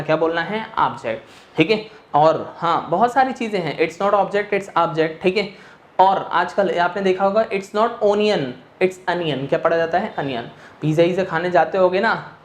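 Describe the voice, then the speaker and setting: A male English teacher lecturing an online class, asking questions and answering them himself, mixing English phrases into his explanation. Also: sits high. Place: teaching room with a board. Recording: echoey room.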